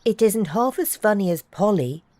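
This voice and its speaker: Miserable young boy, earnest and worked up, mellow tone, as a woman reading puts him on. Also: medium pitch, expressive, moderate pace, no room sound, lightly acted. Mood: sulky. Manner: earnest and wound up. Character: unhappy, grubby young boy.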